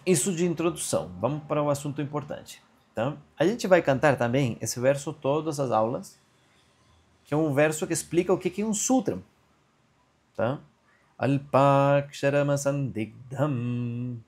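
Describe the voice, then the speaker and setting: A man with a slightly high, animated, somewhat mellow and slightly rough voice teaches an online Sanskrit grammar class over a video call. He explains patiently, often checking in with "entende?", and recites a verse in a slow chant.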